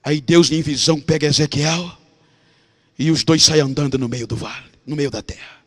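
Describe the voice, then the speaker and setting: Brazilian pastor, high bright gravelly voice, swings from hush to shouting. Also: male voice, fairly even intonation, normal speed. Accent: Brazilian Portuguese. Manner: swings from hushed storytelling to shouted climaxes. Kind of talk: dramatic preaching sermon.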